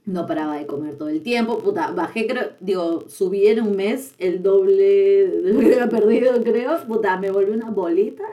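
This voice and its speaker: Relaxed woman podcasting. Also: mid-range voice, moderate pace, hardly any pauses, recorded from a distance. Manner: chatty and confessional, laughs often. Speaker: podcast host. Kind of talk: casual podcast chat.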